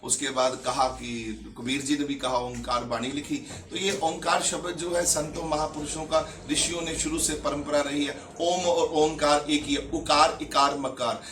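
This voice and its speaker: A man's voice: fairly high pitch, flat delivery, measured pace, hardly any pauses, fairly bright tone, slight background noise. A man speaking as a spiritual leader who answers questions at a religious gathering, emphatic and explanatory. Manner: emphatic, preaching, explains terms. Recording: echoey, far from the mic.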